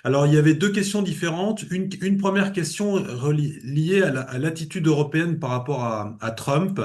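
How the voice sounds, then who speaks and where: A man's voice: fairly high pitch, moderate pace, a little mellow. A man with a French accent moderating a panel, relaying audience questions with frequent hesitations. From France. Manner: hesitant, many fillers while reading questions.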